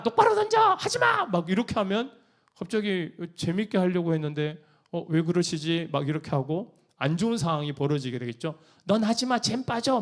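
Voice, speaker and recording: A male pastor preaches with an animated, swooping delivery. His voice sits a little high for a man and moves through a wide range as he teaches. Now and then he puts on the voices of quoted church members. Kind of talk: sermon.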